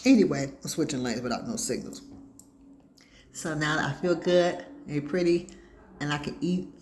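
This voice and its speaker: A woman's voice: sits low, moderate pace, a little mellow, slight background noise. A woman hosting her own talk show, telling rambling stories in casual chat and acting out what people said. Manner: chatty storyteller, acts out quoted dialogue.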